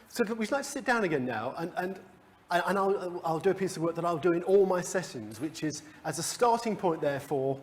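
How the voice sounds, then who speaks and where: A man leading a coaching workshop for a live group, talking conversationally with restarts and chuckles. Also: fairly high pitch. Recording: long hall reverb.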